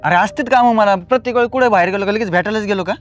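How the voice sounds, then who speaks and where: An actor playing an irritable, two-timing husband who answers defensively and snaps back. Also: male voice, a little high, fast talker, soft background music, close to an everyday voice. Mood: snapping. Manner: defensive, snapping, short-tempered. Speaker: cheating husband. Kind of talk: comedy film acting.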